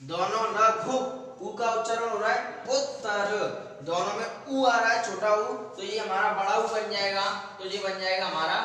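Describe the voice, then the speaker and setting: A man teaching a grammar lesson to students, explaining slowly and step by step with a lot of repetition. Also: high voice, steady tone, pushed and bright. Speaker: school teacher. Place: classroom. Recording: echoey room, far from the mic, faint noise.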